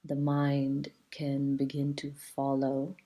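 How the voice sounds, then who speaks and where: This woman leads a guided yoga relaxation calmly and deliberately, with long silences separating brief phrases. She has a warm bass voice and speaks in a completely flat way.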